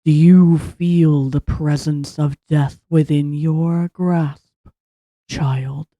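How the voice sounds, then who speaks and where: Deep, echoing underworld god , put on by a game master: slow, booming, gravelly menace for a tabletop fantasy game. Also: steady tone, dark tone. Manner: slow, solemn, looming.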